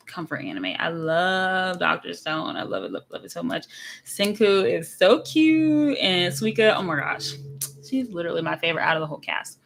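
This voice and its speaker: A woman's voice: on the low side, a bit bright, slight background noise. Chatty bubbly Texas woman, late twenties. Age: late 20s. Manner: chatty, bubbly, many repeats of so and like. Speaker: anime reaction streamer. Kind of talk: casual livestream chat. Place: at home in front of a camera.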